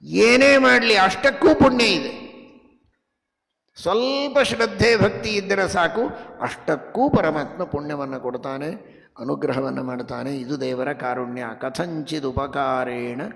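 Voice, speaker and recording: A man with a North Karnataka Kannada accent preaches a devotional sermon, his fairly high voice rough with gravel. He chants Sanskrit verses slowly and shifts between loud emphatic stresses and quiet asides. The sound rings on in a long hall reverb. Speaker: religious teacher giving a discourse.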